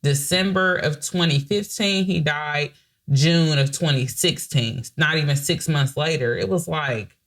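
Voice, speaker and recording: A woman's voice: low-pitched, a little slow. A woman co-hosting a podcast, telling a personal family story in a candid, emotional way with many restarts and the odd swear word. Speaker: podcast co-host.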